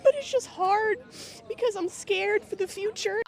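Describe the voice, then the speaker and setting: A woman's voice: very high voice, a little slow, vocal fry, background noise, pitched above the performer's own voice, full character voice. A woman playing a tearful young woman, shaky and wounded, saying she is scared. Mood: distraught. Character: tearful young woman upset after an election loss.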